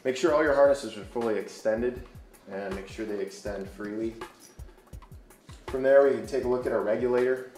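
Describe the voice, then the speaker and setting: A man's voice: medium pitch, moderate pace, a little mellow. A man giving step-by-step instructions as a firefighter training instructor, in a plain, procedural manner. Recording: echoey room, music underneath.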